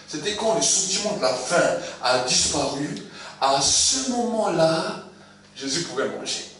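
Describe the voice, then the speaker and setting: A man's voice: high-pitched, fairly bright tone. A man preaching a sermon, telling personal stories with emphatic repetition. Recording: very echoey room, far from the mic, faint noise.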